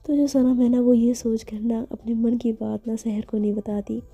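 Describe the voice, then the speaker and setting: A woman's voice: fairly high pitch, flat delivery, normal speed, mellow, highs cut off, soft background music. A woman telling a romance story in a chatty, casual way, with lots of conversational fillers.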